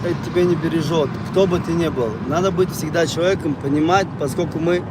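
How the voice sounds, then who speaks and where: Talking fast in a fairly high, mostly even voice, this Tajik live streamer chats loosely with his audience and keeps circling back to the same phrases. Outdoor or car street noise runs throughout.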